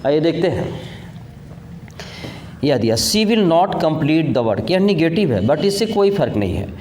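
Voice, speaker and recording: With big swings in his fairly high pitch, an Indian-accented man works through a grammar lesson at a measured pace, repeating the main ideas and using English terms. His tone is a little mellow. Echo and background noise fill the recording.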